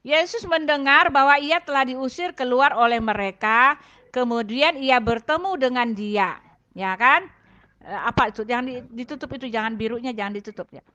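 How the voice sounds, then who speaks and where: Woman church elder talking through bible verses, high bright voice, keeps flipping pages and thinking out loud. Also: moderate pace, highs cut off. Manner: chatty, thinks aloud while hunting for Bible verses. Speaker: church elder giving testimony. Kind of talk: casual scripture explanation.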